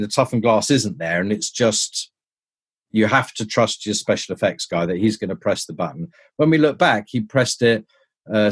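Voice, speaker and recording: Husky man telling stunt stories. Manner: animated, jumps pitch to act out quoted people. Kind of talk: casual anecdotal storytelling.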